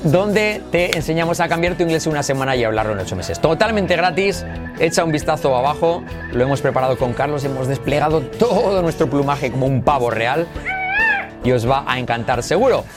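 Guy teaching english pronunciation, kinda high voice, drills phrases over and over. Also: over music. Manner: lively, repeats English phrases slowly for practice. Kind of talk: online English lesson in Spanish.

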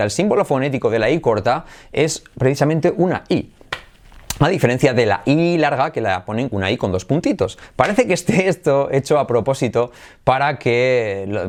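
A man with a Spain Spanish accent teaching English pronunciation in an energetic video lesson, often switching into English to model how words sound. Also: medium pitch.

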